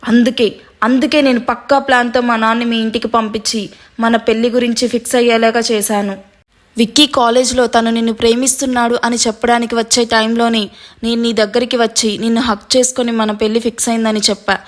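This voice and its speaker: Scheming young man, threatening, domineering, woman reader putting him on, raised pitch. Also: level tone, fairly quick, natural voice. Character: scheming menacing young man, vengeful groom.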